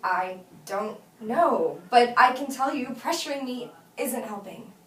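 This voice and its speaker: An actress plays an exasperated but fond woman gently turning down her best friend, delivering naturalistic, hesitant film dialogue. Her voice is a little high and animated at a measured pace, recorded with a roomy, distant mic and faint noise.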